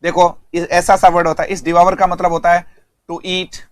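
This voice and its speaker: A man's voice: high-pitched, completely flat delivery, moderate pace, dry recording. A male English teacher giving an online vocabulary lesson, speaking, repeating words and quizzing students.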